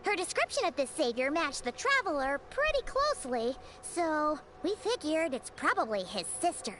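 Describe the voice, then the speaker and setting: A woman's voice: high voice, big pitch swings, normal speed, a bit bright, a little hiss or hum. A woman voicing a tiny, chatty fairy girl companion who talks about herself in the third person, in a video game. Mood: chirpy. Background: game music.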